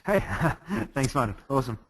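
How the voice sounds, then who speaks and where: Late at night in a hotel room, a New Zealand man with a New Zealand accent presents a live webinar over a computer mic, upbeat and chatty with lots of fillers. His medium-pitched voice is sing-song, unhurried, somewhat bright and slightly rough, and the recording is dry.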